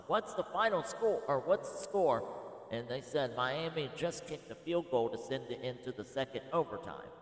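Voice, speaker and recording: A man in his thirties giving a casual, rambling spoken presentation with many filler pauses. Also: medium pitch, fairly bright tone. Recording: echoey room with long reverb.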